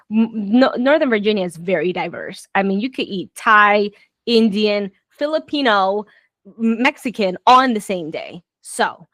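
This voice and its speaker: A woman with a mid-range, fairly bright voice talks reflectively in a casual conversation, her speech full of fillers, restarts and exasperated outbursts. She was raised in Southern Florida in the United States, and her first language is Spanish. The recording is dry.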